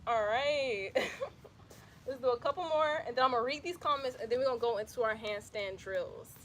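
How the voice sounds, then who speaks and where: Her voice sits on the high side, moving at normal speed with a fairly bright tone and a faint hiss or hum in the audio. She's a young woman from Atlanta, Georgia, with an Atlanta accent, filmed on a phone while giving easygoing handstand instruction on a mat outdoors in bright sun, chatty, saying "y'all" and laughing frequently.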